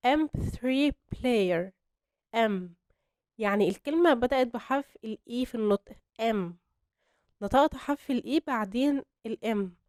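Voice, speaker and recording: A young woman with an Egyptian Arabic accent teaching English grammar to beginners, explaining step by step and slowing down on her examples. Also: sits high, a little mellow, dry recording, clean studio sound. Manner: patient, step-by-step explanation with slow spelled-out examples.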